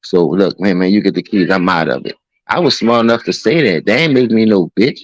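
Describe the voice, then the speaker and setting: Man, low voice, dry close-mic sound, loose profane podcast storyteller. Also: a little fast, dry recording, low-quality recording. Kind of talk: casual podcast chat.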